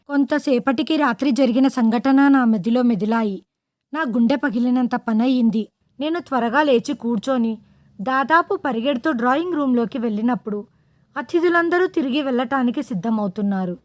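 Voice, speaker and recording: A woman narrating an emotional first-person family story in a steady reading voice. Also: sits high, no echo.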